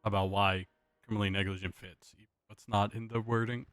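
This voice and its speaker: A man role-playing an acting sheriff, speaking casually in a halting, matter-of-fact way. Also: fairly low pitch, little pitch movement, a bit bright. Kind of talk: improvised role-play testimony and casual commentary.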